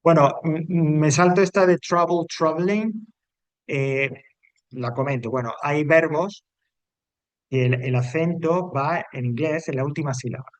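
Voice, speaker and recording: A man's voice: fairly high pitch, a little slow, no echo. Male teacher, patient and repetitive, dry close sound. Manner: explains step by step, repeats rules, checks in with "¿vale?". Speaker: English teacher. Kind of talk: classroom grammar lesson.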